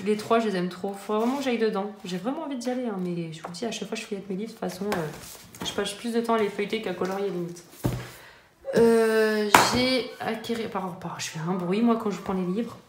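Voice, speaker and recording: A woman in her thirties casually chatting about her coloring books, full of fillers and restarts. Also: medium pitch. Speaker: coloring-book vlogger. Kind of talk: casual chat showing her book collection. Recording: echoey room with faint noise.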